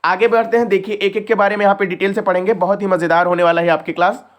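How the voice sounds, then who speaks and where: A man's voice: high-pitched, little pitch movement, quick pace. A young man teaching an exam-prep lesson, explaining step by step and often checking in with his students.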